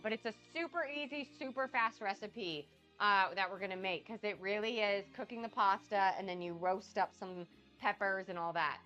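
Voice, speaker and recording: A woman from the U.S. runs a relaxed cooking livestream, talking with her audience and answering chat while she cooks in a chatty, rambling way. She's a little sniffly and nasal from a cold. Her medium-pitched voice moves at a moderate pace and sounds pushed and bright, over a muffled recording with soft background music.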